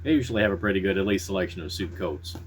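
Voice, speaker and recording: Very low-voiced man, folksy rambling chat. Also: rapid-fire, slight background noise. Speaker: pipe-smoking vlogger. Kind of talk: casual rambling chat to viewers.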